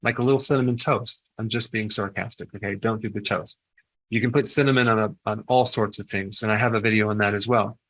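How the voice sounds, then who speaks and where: A man's voice: fairly low pitch, steady tone, quick pace, fairly bright tone, rough recording. An older man, a health educator, giving advice in an informal talk and often stopping to ask "okay?". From United States. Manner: conversational, punctuates points with "okay?".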